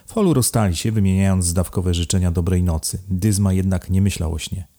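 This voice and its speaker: A man calmly narrating a novel as an audiobook. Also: sits low, fairly quick. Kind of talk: scripted narration.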